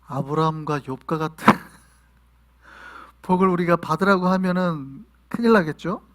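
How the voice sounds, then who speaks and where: Animated high-voiced preaching man. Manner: animated preaching, questions to the congregation, sudden shouts. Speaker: pastor. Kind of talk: sermon. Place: church in New York.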